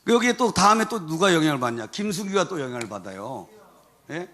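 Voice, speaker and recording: A man, a lawyer, addressing a church rally audience in an animated, rambling storytelling manner, often chuckling as he speaks. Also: a little high, a little fast. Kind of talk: animated storytelling speech to a crowd.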